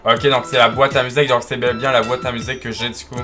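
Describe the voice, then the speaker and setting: A man commenting casually on his gameplay, chatty and talking straight to his viewers, often restarting his sentences. His voice sits at a middle pitch, with game music clearly playing underneath. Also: level tone, quick pace, pushed and bright. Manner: chatty, full of restarts, addresses viewers directly. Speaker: gaming video creator.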